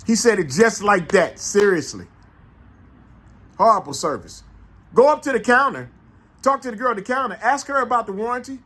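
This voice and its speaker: A man with a St. in a casual, animated monologue, making his points with repeated rhetorical questions. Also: high-pitched, normal speed, long pauses. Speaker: vlogger.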